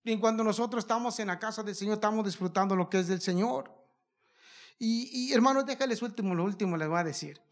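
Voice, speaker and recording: A man's voice: high-pitched, fast. A man preaching a fervent sermon at a church service, asking the congregation question after question. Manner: fervent, asks the congregation many rhetorical questions.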